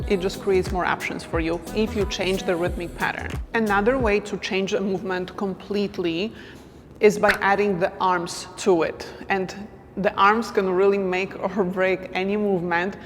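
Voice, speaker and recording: A woman teaching dance moves in a casual instructional talk, counting beats softly as she demonstrates. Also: medium pitch, steady tone, moderate pace, in a large hall, faint music behind.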